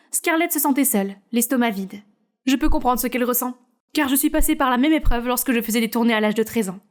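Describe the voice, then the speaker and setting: Woman telling an animated story, high bright voice, storybook style. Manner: first-person storyteller voicing all characters. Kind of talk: scripted story narration with character voices.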